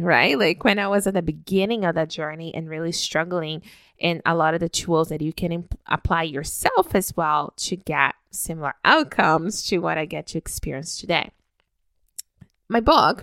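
Brazil-born woman author, smooth and chatty. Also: medium pitch, no room sound, clean studio sound. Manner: warm, laughs often. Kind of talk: casual talk.

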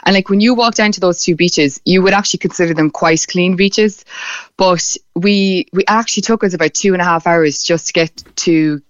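A slightly dull, dry recording of a young woman from the west of Ireland, with that region's accent. Her voice is smooth and clear. She answers casually and chattily, like a guest in a relaxed interview. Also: lowish voice, normal speed, dry recording. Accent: west of Ireland (County Clare). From County Clare, west of Ireland. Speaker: interview guest, marine biologist and beach cleanup organiser.

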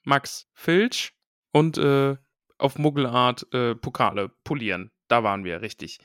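A man's voice: medium pitch, measured pace, a bit bright, clean tone, no echo, studio quality. A man co-hosting a casual podcast, chattily retelling a book chapter with playful voiced quotes. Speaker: podcast co-host.

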